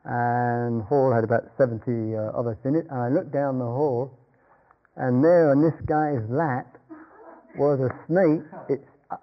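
A man's voice: medium pitch, slight background noise. Older guy meditation teacher, rambly storytelling, chuckles a lot, kinda dull lo-fi recording. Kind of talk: dharma talk with anecdotes.

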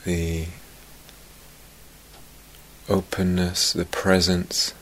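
Deep and monotone, a man's soft voice takes listeners through a guided meditation. Long silences separate his phrases, which drift off almost to a whisper.

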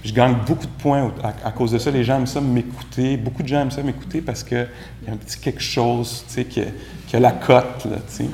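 A man's voice: medium pitch, fairly even intonation, quick pace, a little mellow. Casual Quebec-accented man teaching Buddhism. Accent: Quebec French. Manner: casual, conversational, many "tu sais" fillers. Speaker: meditation teacher. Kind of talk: dharma talk. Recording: echoey room, faint background noise.

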